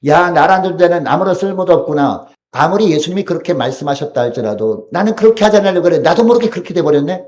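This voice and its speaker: A despairing male disciple berates himself in emphatic, self-reproaching bursts, as a preacher acts him out. The voice sits a little higher than his plain preaching but keeps a mellow, dark tone. It is a sermon retelling, not a staged drama. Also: expressive, quick pace, hardly any pauses, close to an everyday voice.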